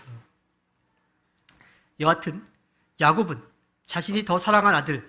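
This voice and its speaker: A man preaching a Sunday sermon in a church, telling family stories in a shifting, conversational way. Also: on the high side. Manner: storytelling with shifts of loudness and pace. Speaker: pastor. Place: church hall.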